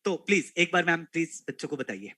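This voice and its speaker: Male host, bright voice, dry close sound, easy class-chat delivery. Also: a little high, big pitch swings, quick pace, dry recording. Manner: addresses students as kids, mixes English into Hindi. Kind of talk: live online class chat.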